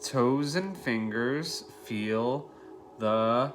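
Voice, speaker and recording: He draws out his words in a medium-pitched, fairly bright tone, with faint music in the background. A man in his thirties working as a preschool teacher, he's indoors in a home living room reading a picture book and talking simply to young children, asking questions and offering simple explanations.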